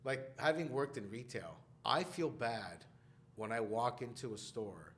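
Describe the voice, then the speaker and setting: A man co-hosting a podcast in casual chat, a chatty, animated storyteller who laughs often. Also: medium pitch, unhurried. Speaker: podcast co-host.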